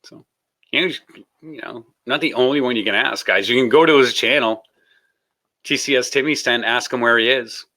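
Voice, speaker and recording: Bright-voiced man hosting a live stream. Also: medium pitch, normal speed. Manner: joking, laughing, rambling. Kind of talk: casual live stream chat.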